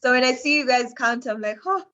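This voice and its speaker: A woman's voice: a little high, fast talker, sharp tone. Chatty Kenyan-accented woman, slightly dull recording. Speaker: athlete interview guest. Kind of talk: casual conversational interview.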